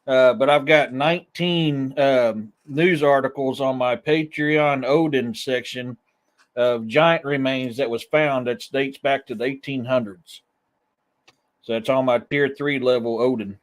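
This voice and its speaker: A man co-hosts a podcast in casual conversation. His pitch sits in the middle for a male voice, and he talks informally, in a halting, piecemeal way. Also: fairly even intonation. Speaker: podcast co-host. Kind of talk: casual chat.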